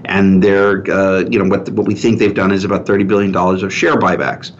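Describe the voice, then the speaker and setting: Halting low-voiced male financial commentator. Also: little pitch movement. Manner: halting, repeats his phrase openings. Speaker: portfolio manager commentator. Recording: dull lo-fi sound, faint noise.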